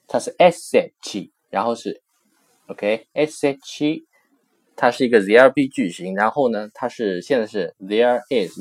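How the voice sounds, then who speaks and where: In a recorded textbook lesson, a man with a medium-pitched, slightly mellow voice teaches a language. He explains patiently, repeating each phrase several times and comparing words with English.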